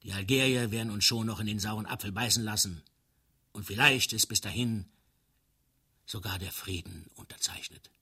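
A man's voice: fairly low pitch, moderate pace, bright, forceful tone, breathy edge, exaggerated voice. A man voicing a panicked young soldier who dreads going to war, pleading in a theatrical, long-winded way. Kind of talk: dramatic literary reading.

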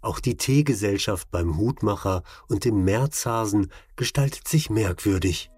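Guy narrating a radio documentary, husky low voice, dry close sound. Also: measured pace, darkish tone, no room sound.

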